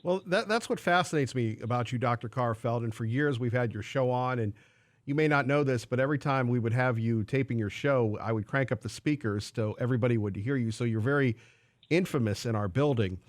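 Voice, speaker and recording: A man's voice: medium pitch, fairly quick, dry recording. Male radio host, dry studio sound. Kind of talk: morning talk radio. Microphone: studio mic.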